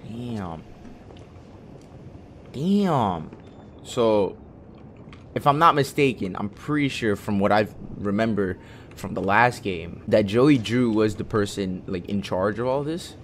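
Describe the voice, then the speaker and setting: Low-voiced young man, nervous slangy gamer. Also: expressive, takes it slowly, pauses often, slight background noise. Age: young adult. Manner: slangy, sweary, nervous muttering. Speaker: gamer, host of a horror game playthrough. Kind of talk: casual gameplay commentary. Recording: music behind the voice.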